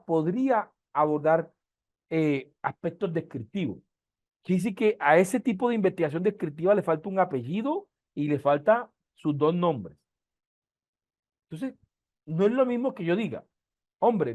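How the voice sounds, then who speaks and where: A middle-aged Colombian man lecturing on a video call, his Caribbean-coast accent softened. His voice sits a little high for a man and sounds dry and close. He explains patiently and slows down to stress key terms. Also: no room sound. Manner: explanatory, asks "¿sí?" often, with slow emphatic stretches. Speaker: university lecturer. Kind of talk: online class lecture.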